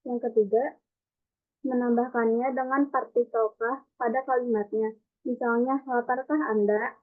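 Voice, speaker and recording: A young woman student presents class notes, reciting them carefully and evenly. Her voice sits fairly high. The recording sounds thin and tinny, like a phone line. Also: measured pace. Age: young adult. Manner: even, careful recitation of a script.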